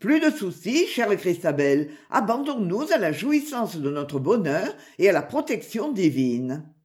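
An earnest young knight full of devotion, as a reader puts him on, with a lively voice that swoops up and down in solemn declarations. an audiobook character read with feeling rather than a big put-on voice. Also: medium pitch, a little slow. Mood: tender.

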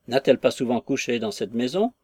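A man's voice: mid-range voice, lively intonation, brisk, darkish tone, dry recording, close to an everyday voice. A man voicing a chatty, gossiping female innkeeper who rattles on with exclamations, in an audiobook reading of a classic novel. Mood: gossipy. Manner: garrulous, wheedling, full of exclamations.

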